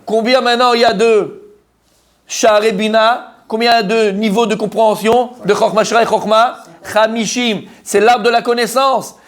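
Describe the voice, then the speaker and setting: Guy teaching a torah class, highish voice, keeps firing questions at the room and answering himself. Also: steady tone, moderate pace. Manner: acts out the story's characters, mixes Hebrew terms into French. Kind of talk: lively Torah lesson to a room of men.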